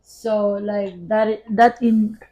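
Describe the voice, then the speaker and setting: A woman chatting casually with her husband over a meal at home, laughing often, with her voice trailing off softly at the ends of phrases. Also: medium pitch, steady tone, drawn-out words. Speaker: wife and vlog co-host. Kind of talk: casual mukbang chat while eating.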